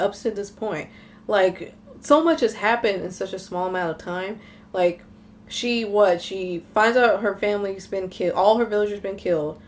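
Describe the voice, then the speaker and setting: A woman's voice: medium pitch, a little hiss or hum. A young adult woman giving a casual, rambling episode review, full of fillers and restarts. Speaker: anime reviewer.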